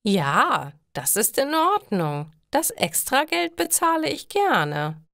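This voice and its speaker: A woman voicing a demanding elderly female regular customer at a pizza place, speaking high and insistent. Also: huge pitch swings, very slow, no room sound, studio quality, heavily acted. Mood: pleased.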